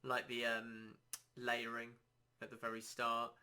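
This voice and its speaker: A man hosting a casual solo podcast, rambling and self-deprecating, his throat a little dry and hoarse. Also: mid-range voice, monotone, measured pace, pushed and bright. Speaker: podcast host.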